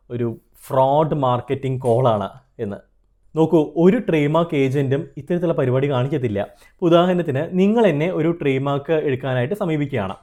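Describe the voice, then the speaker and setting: A trademark consultant who hosts videos speaks straight to his viewers, explaining things and giving advice in an earnest, conversational style. He has a Malayali accent, mixes in English terms, and his mid-range voice has a dark tone.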